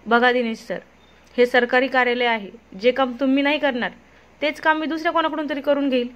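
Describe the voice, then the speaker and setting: A woman's voice: sits high, steady tone, brisk, a bit bright, muffled recording. A woman voicing a persuasive, scheming corrupt official who talks in a mocking way.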